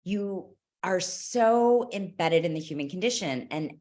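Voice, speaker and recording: A mother and former client, appearing as a guest on a podcast, chats casually and effusively, exclaiming and restarting her sentences. Her voice is on the low side, dark in tone, expressive and unhurried.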